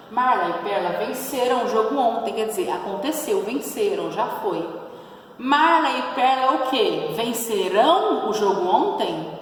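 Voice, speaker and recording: A woman's voice: medium pitch, slight background noise. Brazilian woman teacher, echoey distant sound. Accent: Brazilian Portuguese. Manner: patient, drawn-out stress on verb endings, frequent "tá bom?" check-ins. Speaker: Portuguese teacher. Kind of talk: online grammar lesson.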